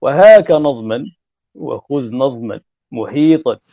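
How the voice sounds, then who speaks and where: A man giving a classroom grammar lecture, repeating and spelling out word forms deliberately. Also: medium pitch, animated, creaky, dry recording. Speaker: grammar teacher. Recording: dull lo-fi recording.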